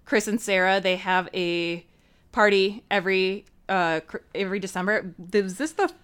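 Mid-pitched woman chatting informally as podcast co-host. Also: normal speed, a bit bright, clean tone. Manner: informal, peppered with "like" and "you know". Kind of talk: casual chat.

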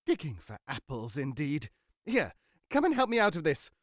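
A woman reading fussy male rabbit, bossy, scolding, wildly swooping pitch, storybook audiobook. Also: wildly swooping pitch, moderate pace, dry recording, clean studio sound, full character voice. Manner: sharp, scolding, impatient commands.

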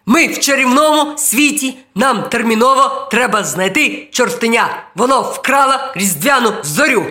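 A woman's voice: a little high, lively intonation, moderate pace, sharp tone, pitched above the performer's own voice. Woman doing a loyal talking dog, firm. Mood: urgent. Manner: barking, urgent and firm. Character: loyal talking male dog, brave and reassuring.

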